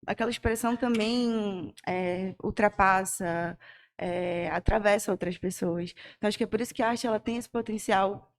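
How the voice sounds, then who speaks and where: A woman's voice: mid-range voice, normal speed. Reflective woman from Manaus in conversation. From Manaus, Brazil. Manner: reflective, thinking aloud with many fillers. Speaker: podcast guest, multimedia artist. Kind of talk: casual conversation.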